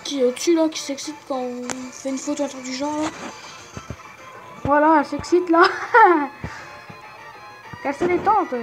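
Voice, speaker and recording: A woman's voice: sits high, a little slow, long pauses, low-quality recording. A young woman casually commenting on a rhythm game, giggling and poking fun at herself. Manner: giggly, self-mocking, chatty. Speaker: gaming channel host. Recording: game music playing softly behind. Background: faint game music.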